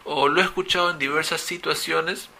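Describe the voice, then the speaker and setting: A man's voice: fairly high pitch, steady tone, fairly quick, vocal fry, sharp tone, pitched above the performer's own voice, exaggerated voice. A man voicing an eager student who questions the teacher, in a raised, earnest voice. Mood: puzzled.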